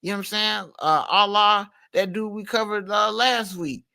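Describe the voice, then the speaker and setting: A man's voice: high voice, steady tone, normal speed, creaky, bright, forceful tone. A man co-hosting a podcast, talking in a loose, slangy, rambling way full of fillers. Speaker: podcast co-host. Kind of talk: casual commentary chat.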